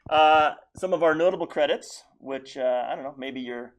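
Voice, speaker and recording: A man's voice: a little high, moderate pace. An American man who builds puppets, explaining his work in a casual interview.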